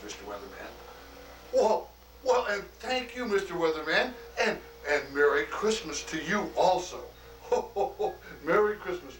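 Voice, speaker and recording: A man playing a hearty, fatherly old Santa Claus in an acted greeting monologue, chuckling often and talking in a slow, homely way full of "oh" and "why". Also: fairly high pitch, fairly bright tone, reverberant, distant mic, a little hiss or hum, poor audio.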